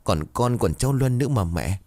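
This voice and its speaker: A man voicing a young widowed woman who speaks gently and soothingly to her mother-in-law. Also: mid-range voice, lively intonation, a little fast, no echo, pitched above the performer's own voice. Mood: gentle.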